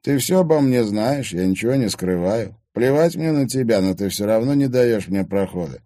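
A man's voice: lowish voice, expressive, normal speed, mellow, dry recording, studio quality, pitched above the performer's own voice, natural voice. A man reading an audiobook, voicing an arrogant, charming young man who talks in a smug, teasing way. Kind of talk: audiobook character voice.

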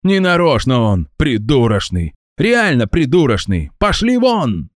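A man's voice: mid-range voice, huge pitch swings, a little slow, no echo, studio quality, voice pushed up. A man voicing an angry middle-aged official barking at two intruders in an audiobook. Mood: furious. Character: furious middle-aged male official, yelling.

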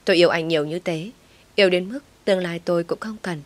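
Female storyteller, low-ish voice, soft and measured narration.

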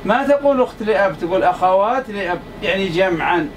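Male lecturer, high voice, emphatic and repetitive, distant room mic with faint AC hum. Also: animated, fast talker. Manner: emphatic, repeats points to the class. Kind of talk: classroom lecture.

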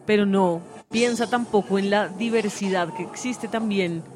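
A woman's voice: mid-range voice, moderate pace, noisy background. A woman hosting a conversational radio interview, explaining her thoughts at length with many hesitations. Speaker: host.

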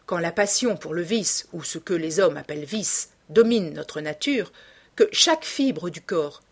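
A woman narrating a classic novel as an audiobook in a slow, measured way. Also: fairly low pitch, breathy edge.

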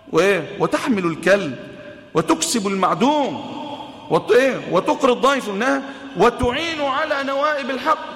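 An Egyptian-accented man speaking as a devoted wife who reassures her frightened husband with gentle questions. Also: very high voice. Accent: Egyptian Arabic. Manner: pleading, soothing questions. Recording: echoey hall with long reverb.

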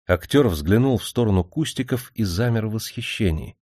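Male audiobook narrator, lowish voice, dry close read. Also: animated, moderate pace, darkish tone, no echo.

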